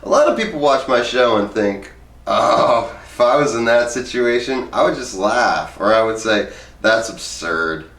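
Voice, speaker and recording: Speaking a little slowly and expressively, a man with a medium-pitched, fairly bright voice reads passages from a book. He keeps it casual and plain, voicing both interviewer and subject on his own. The recording has a roomy echo from a distant microphone.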